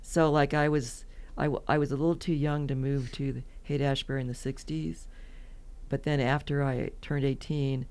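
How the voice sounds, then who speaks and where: A woman's voice: extremely low pitch, steady tone, moderate pace, darkish tone, clear, resonant tone. A woman in her seventies from California, telling rambling, chatty stories as a podcast guest and laughing often. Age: 70s. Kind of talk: casual interview storytelling.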